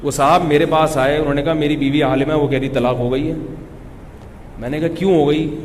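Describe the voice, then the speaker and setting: A man's voice: a little high, fairly even intonation, a little mellow, in a large hall, a little hiss or hum. A man giving a religious lecture in a conversational, joking storytelling way. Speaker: Islamic scholar giving a talk.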